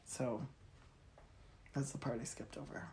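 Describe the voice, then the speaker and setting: A woman's voice: a little slow, mellow, a little hiss or hum. A woman co-hosting a podcast in casual chat, candid and wry, laughing easily with her sister. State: in chemotherapy treatment. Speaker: podcast co-host.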